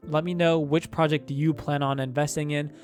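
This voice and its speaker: A young man rambles casually through his screen, full of fillers and restarts. His mouth is sore, so the words come with a little effort, and his voice sits a bit high. Soft guitar music plays faintly underneath. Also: flat delivery, a little fast. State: sore mouth, talking with difficulty. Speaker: crypto channel host. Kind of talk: casual screen-share commentary.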